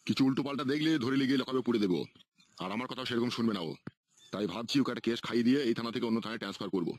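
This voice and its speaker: A man playing a scheming bossy politician, rapid talk, dry close sound. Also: mid-range voice, no room sound, close to an everyday voice. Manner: explaining plots patiently, talks down.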